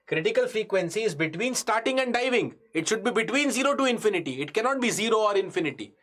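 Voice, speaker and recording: A man with a North Indian accent, an engineering exam lecturer, teaches a live online class, explaining step by step, repeating key phrases, quizzing students and mixing Hindi into his English. His voice sits high and a bit bright, with lively intonation and a quick pace.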